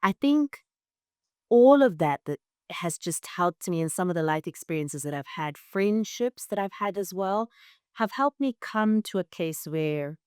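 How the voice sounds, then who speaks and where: In clean studio sound without echo, a young adult woman from South Africa, a first-language Shona speaker, reflects thoughtfully in an interview and often says "right?". Her lowish voice is animated yet unhurried, a little mellow, with a clean tone.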